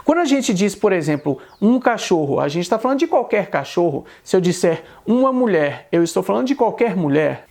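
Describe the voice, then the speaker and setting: Man, Brazilian Portuguese accent, English teacher, video lesson, patient, repeats points, says English words slowly. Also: high voice, very animated, gravelly, a little mellow.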